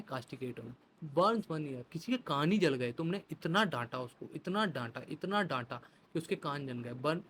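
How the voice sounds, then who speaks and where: A man's voice: on the high side, slight background noise. A man teaching English vocabulary for exam prep, chatting through playful classroom examples.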